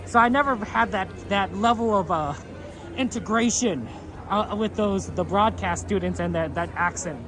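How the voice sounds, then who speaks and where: This male host speaks in a high voice at a moderate pace during an outdoor livestream at a theme park. Reading chat aloud, he drifts along with plenty of fillers and restarts, surrounded by park crowd noise.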